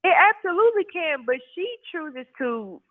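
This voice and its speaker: A woman's voice: very high voice, very animated, moderate pace. A woman of about twenty calling in to a live show, talking casually and matter-of-factly, with many "you know" fillers. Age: 20s. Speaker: caller. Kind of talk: casual call-in chat. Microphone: phone. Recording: tinny phone line.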